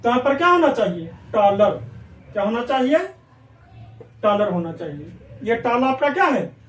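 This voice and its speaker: A man's voice: very high voice, sing-song, normal speed, fairly bright tone, distant mic. Echoey man teaching grammar. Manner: repetitive, asks students questions and answers them. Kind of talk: classroom lecture for exam prep. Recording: echoey room, voice away from mic.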